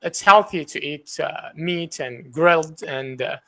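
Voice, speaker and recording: A man's voice: a little high, measured pace, vocal fry, fairly bright tone. Iraqi man. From Iraq. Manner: opinionated, argues his points. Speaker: English teacher, student. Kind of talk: casual conversation practice. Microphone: professional microphone.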